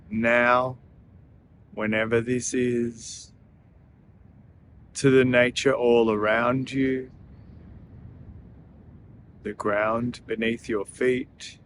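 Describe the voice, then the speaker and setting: A man guides a breathing meditation in a soothing, gentle way, leaving long pauses between phrases. His voice is mid-range, with a little hiss or hum in the audio.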